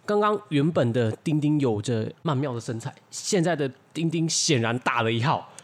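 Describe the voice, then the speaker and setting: A man's voice: medium pitch, normal speed. A young man co-hosting a podcast, improvising a story in turns with friends and laughing often. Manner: laughs often, playful reactions. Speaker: podcast co-host.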